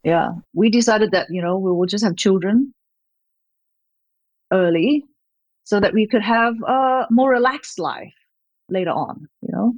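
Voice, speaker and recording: Her voice sits in the mid range and is a little mellow, moving at a measured pace with long pauses. This is a fiftysomething gallerist from Malaysia, rambling through an interview with plenty of fillers and soft laughter, captured dry with the highs cut off.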